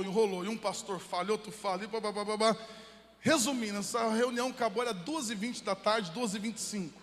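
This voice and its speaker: High-voiced Brazilian pastor preaching. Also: male voice, a bit bright. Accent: Brazilian Portuguese, São Paulo interior. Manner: storytelling, rising to fervent preaching. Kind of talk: sermon with personal story. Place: church hall. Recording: long hall reverb from the church.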